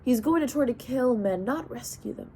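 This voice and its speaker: A woman voicing a calm, cunning male king and counselor who speaks in a measured, wry way. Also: on the high side, slight background noise, voice pushed up, lightly acted.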